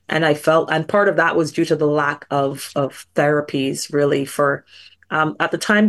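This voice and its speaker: A middle-aged woman from Barbados, a scientist guest telling her story in a thoughtful, earnest way. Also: lowish voice. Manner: thoughtful, earnest, frequent small restarts. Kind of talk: reflective personal storytelling.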